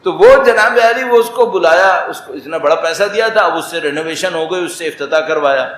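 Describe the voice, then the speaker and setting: Animated male preacher in an echoey hall. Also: a little high. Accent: Pakistani Urdu. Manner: animated, rising to emphatic exclamations. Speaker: religious speaker. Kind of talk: sermon. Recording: echoey hall, faint ambience.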